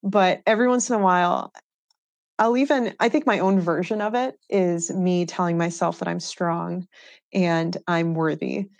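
Earnest woman with a lowish voice. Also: steady tone, moderate pace, a little mellow, dry recording. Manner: earnest and reflective, laughs easily. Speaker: interview guest. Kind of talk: candid conversational storytelling.

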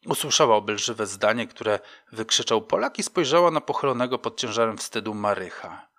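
A man reading fiction aloud as an audiobook narrator in an even, measured way. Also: on the low side.

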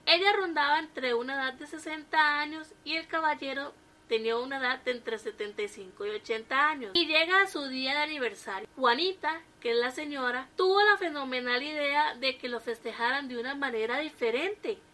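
A woman narrating a comic story in a lively, chatty way. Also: sits high, a little fast.

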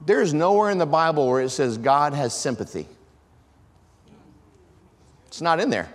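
Emphatic pastor in an echoing hall. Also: male voice, fairly high pitch, very animated, a little slow. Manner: emphatic, rising to shouts for emphasis. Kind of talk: sermon. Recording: long reverb of a large hall.

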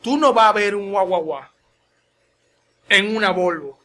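A man with a Dominican accent, co-hosting a podcast in lively, jokey casual chat. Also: sits high. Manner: lively, jokey, quick to cut in. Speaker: podcast host.

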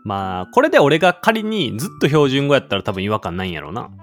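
A man from Shiga with a Kansai accent, mixed with standard Japanese, co-hosts a casual podcast. His pitch swings a lot as he reads letters aloud and laughs easily. Soft music plays faintly underneath. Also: very animated, fast. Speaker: podcast co-host. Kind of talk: casual chat.

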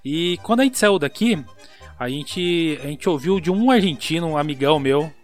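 A young man with a São Paulo accent telling a story in a casual, slangy, animated way. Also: fairly high pitch, moderate pace, soft background music. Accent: São Paulo Portuguese. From São Paulo, Brazil. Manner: animated, slangy storyteller who acts out voices.

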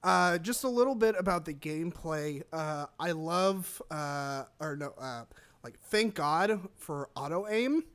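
A young man with a high, bright voice chats loosely on a podcast, stammering through restarts and breaking into laughter. He swears casually and rambles off topic. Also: animated, measured pace, smooth. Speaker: podcast co-host. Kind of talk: casual chat.

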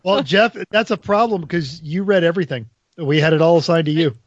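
A man's voice: fairly high pitch, brisk, dry recording, lo-fi sound. A man co-hosting a casual podcast, joking and jabbing at others. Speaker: podcast co-host.

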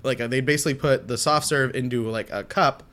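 Casual male co-host from Texas, enthusiastic and rambling, mid-pitched. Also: steady tone, brisk, fairly bright tone. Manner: enthusiastic, rambling with many fillers. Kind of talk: casual chat.

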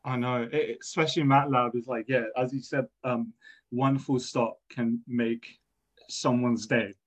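This is a young man, a Persian-speaking engineering student, making casual podcast talk full of fillers, wandering and poking fun at himself. He speaks a little slowly in a steady, mid-range voice, captured with dull lo-fi sound.

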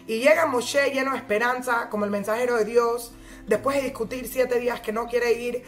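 High-voiced woman teaching earnestly. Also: fairly even intonation, normal speed, soft background music. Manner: earnest, explanatory, leans into quoted lines. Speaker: Torah teacher for women. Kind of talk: weekly religious lesson.

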